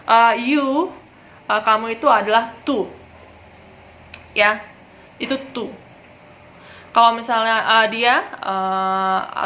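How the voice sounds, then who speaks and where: A young woman, a native Indonesian speaker, giving a casual Italian lesson in a chatty way, with many fillers and slow, drawn-out example words. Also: medium pitch, sharp tone, a little hiss or hum, poor audio. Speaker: Italian language teacher.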